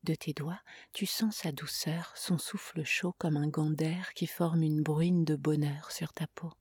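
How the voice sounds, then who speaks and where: A woman giving a soft, hushed, breathy whispered reading of a literary text, close to the mic. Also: low-pitched, fairly even intonation, unhurried, no echo. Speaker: reader.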